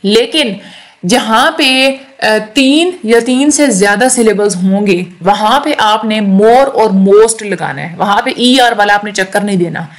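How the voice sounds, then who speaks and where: A woman teaching a recorded lecture, explaining slowly, repeating words and checking in often. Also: medium pitch. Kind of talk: recorded lecture on English grammar.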